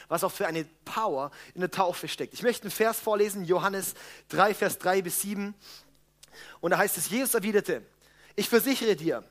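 A man's voice: high-pitched, a bit bright. A male pastor giving a casual, chatty sermon, often checking in with "ja?" and laughing at his own jokes.

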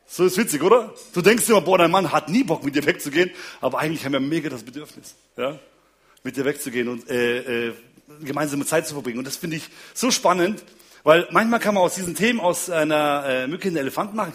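With a fairly high, fairly bright voice, a man talks to an audience about marriage in a funny way. He tells anecdotes about his wife and children, laughs frequently, and keeps engaging his listeners.

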